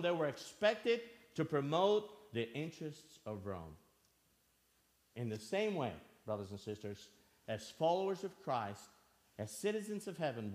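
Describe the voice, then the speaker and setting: A man's voice: medium pitch, darkish tone. A man from Albania preaching a sermon in church, earnest, asking the listeners questions and repeating phrases for emphasis.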